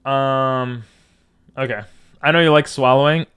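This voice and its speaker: A man's voice: medium pitch, fairly even intonation, unhurried, fairly bright tone, clear, resonant tone. A man streaming a video game, chatting casually and drifting between asides as he talks to viewers. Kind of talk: casual livestream gaming chat.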